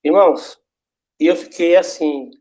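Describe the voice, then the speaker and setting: High-voiced pastor telling a testimony. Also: male voice, a little slow, dark tone. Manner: storytelling, acting out both sides of dialogues. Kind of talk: testimony preached to a congregation. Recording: dull lo-fi recording.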